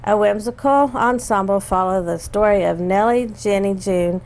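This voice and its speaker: Giggly middle-aged woman with vocal fry. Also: mid-range voice, normal speed. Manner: giggly, warm, stumbles over names. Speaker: theater review co-host. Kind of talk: casual chat.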